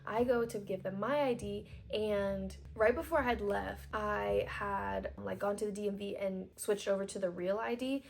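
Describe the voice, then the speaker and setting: A young woman in her twenties tells a story to her viewers in a chatty, animated way, full of fillers and quick asides. Her voice sits at a middle pitch with a gravelly, fry-laced texture. She acts out the people in the story as she goes. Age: 20s. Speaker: vlogger. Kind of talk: storytime vlog, casual retelling.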